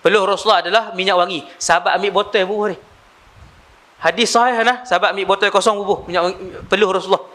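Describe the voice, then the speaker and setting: Male preacher, high ringing voice, animated storyteller working the crowd with questions. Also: quick pace. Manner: animated storyteller, asks audience rhetorical questions. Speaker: Islamic preacher. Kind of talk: live religious lecture.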